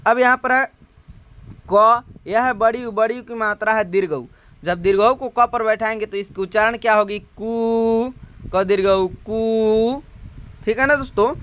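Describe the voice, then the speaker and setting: A man with a Hindi accent teaching the Hindi syllable chart in a slow classroom manner, drawing out each sound and asking rhetorical questions. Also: extremely high pitch, bright, forceful tone, clean tone. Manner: drawn-out spoken syllables, repeated rhetorical questions.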